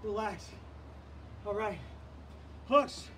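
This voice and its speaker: Man, very high voice, workout instructor, energetic counting, distant mic. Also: extremely slow. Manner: energetic, calls out counts and cues. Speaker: fitness instructor. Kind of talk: live online workout coaching. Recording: distant mic, faint background noise.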